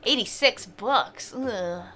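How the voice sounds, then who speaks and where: A woman's voice: fairly high pitch, lively intonation, slow pace, pushed and bright, a little hiss or hum. A woman streamer chatting casually over gameplay, thinking aloud and asking herself questions.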